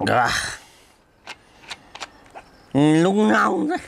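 A man's voice: high-pitched, very animated, gravelly, slight background noise, full character voice. A man playing a slurring drunk husband. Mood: drunk mumbling. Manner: slow slurred drunken mumbling. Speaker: comic skit actor. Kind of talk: amateur comedy skit acting.

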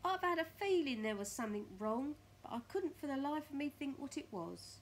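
Woman putting on a high, bewildered old wife. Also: animated, a little hiss or hum. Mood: puzzled. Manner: drawn-out, high, indignant.

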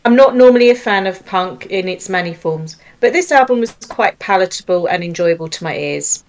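A woman giving a measured, slightly formal album review. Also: on the low side, lively intonation. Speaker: panelist reviewer.

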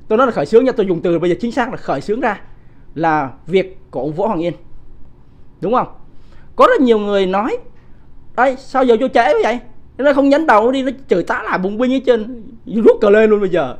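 Fast-talking and animated, with a voice that sits high, a man in his 50s runs a political commentary livestream off the cuff. He peppers his audience with rhetorical questions and combatively scolds commenters in blunt, crude terms.

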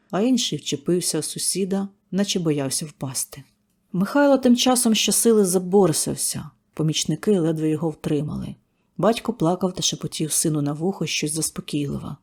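A man reading a scary story in a tense, measured first-person telling. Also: on the high side, darkish tone. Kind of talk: scripted horror narration.

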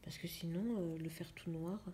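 A young woman chatting in a casual coloring vlog, musing to herself in a soft, often half-whispered voice. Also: fairly low pitch, flat delivery, moderate pace, heavy background noise. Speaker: vlogger. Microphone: phone camera.

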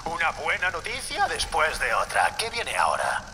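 Creepy, eager man, sharp swooping voice. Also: a little high, huge pitch swings, normal speed, full character voice. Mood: eager, unsettling. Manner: creepy psychopath-like, lilting delivery. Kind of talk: dramatic video game acting. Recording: hall reverb, faint ambient noise.

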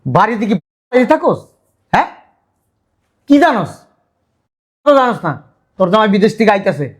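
Man, brisk scolding brother in a village drama. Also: high-pitched, very animated. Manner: loud, scolding, rustic. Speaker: brother in a family skit. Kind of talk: Bangladeshi village drama acting.

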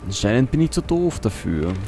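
A man's voice: medium pitch, very animated, moderate pace, mellow, soft background music. A man giving casual gameplay commentary as a let's play host, muttering to himself as he thinks aloud.

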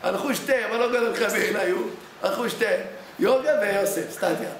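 A man's voice: sits high, crowd noise. A man, a rabbi, giving a Torah class in a study hall, telling stories in a conversational way and often asking his listeners questions. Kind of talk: Torah lesson with anecdotes. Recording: very echoey hall.

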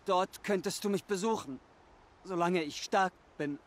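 Scared young game tribesman, way high voice, keeps repeating himself. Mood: troubled. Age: young adult. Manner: pleading, halting, repeats himself. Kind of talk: video game dialogue.

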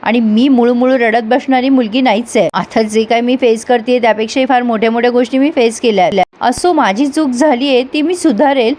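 A woman voicing a hurt young wife who speaks firmly and coldly, with quiet dignity. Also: on the high side, fairly quick, few pauses, close to an everyday voice. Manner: firm, cold, dignified. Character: hurt, proud young wife, firm and composed.

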